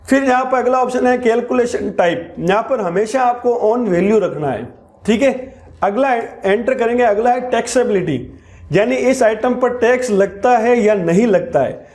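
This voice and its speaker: High-voiced man explaining step by step. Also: expressive, darkish tone. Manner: step-by-step explaining, slows down for key terms. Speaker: accounting software teacher. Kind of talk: screen-recorded tutorial.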